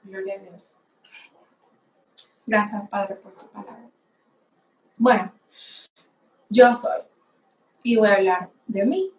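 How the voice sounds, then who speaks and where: Slow-talking young woman. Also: mid-range voice, steady tone, echoey room, poor audio. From Dominican Republic. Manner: unhurried, reflective, a little unsure. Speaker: podcast host. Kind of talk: personal faith testimony. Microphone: facing a camera.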